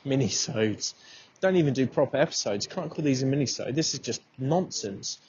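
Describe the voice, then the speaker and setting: A man's voice: medium pitch, lively intonation, brisk, a little mellow. A man with a cold-blocked nose, casually rambling and swearing as he talks to himself for his podcast while walking outdoors. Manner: sweary, self-deprecating, rambling. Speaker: podcast host. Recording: muffled outdoor recording with faint noise.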